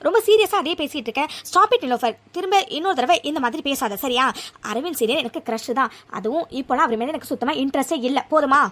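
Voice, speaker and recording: A woman's voice: high-pitched, animated, fairly bright tone. A woman voicing a young college woman who is confused about love and snaps at her friends in a cartoon story. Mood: angry. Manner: fast, exasperated, rising to anger.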